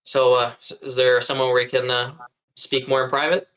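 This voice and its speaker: A man role-plays casually as a tabletop game player. His voice is mid-pitched, with a sharp, bright edge. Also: little pitch movement, brisk. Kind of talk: casual improvised role-play chat.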